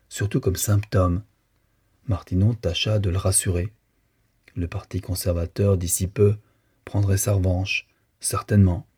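Low husky male narrator. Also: dark tone. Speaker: audiobook narrator. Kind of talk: scripted literary narration.

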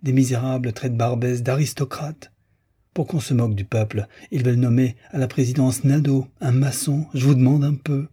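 A man's voice: mid-range voice, fairly even intonation, moderate pace, warm tone, slightly rough. A man voicing a distraught, earnest young male idealist who pleads in a plaintive, doleful way. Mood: despairing.

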